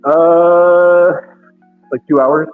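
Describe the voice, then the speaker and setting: A man calls in from a gym on his phone, and his voice comes through muffled and tinny, as if heard through a wall. He chats in a relaxed way, repeating short words. Faint music plays behind him. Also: a little high, extremely slow. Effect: muffled phone audio, as if heard through a wall. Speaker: caller. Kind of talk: casual chat.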